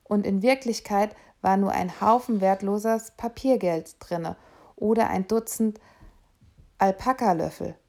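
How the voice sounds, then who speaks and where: A woman reading aloud, voicing two men on a tram chatting about a bank robbery in a quieter tone. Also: medium pitch, a little slow, gravelly. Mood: gossipy. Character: two gossiping male tram passengers. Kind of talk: audiobook reading.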